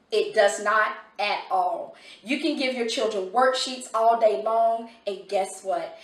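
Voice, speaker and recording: A woman reviewing a homeschool curriculum in a casual vlog, talking with excited enthusiasm. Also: a little high, roomy sound, distant mic.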